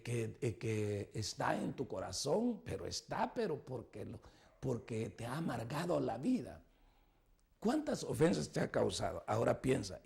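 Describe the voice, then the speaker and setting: A man's voice: mid-range voice, creaky, husky. A male pastor preaching a sermon, emphatic, pressing the listener with rhetorical questions.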